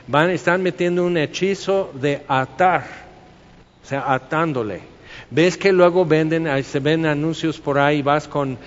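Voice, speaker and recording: A man with a Mexican accent preaching a sermon as a pastor, talking conversationally and asking the congregation rhetorical questions. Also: a little high. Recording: reverberant hall, slightly dull sound.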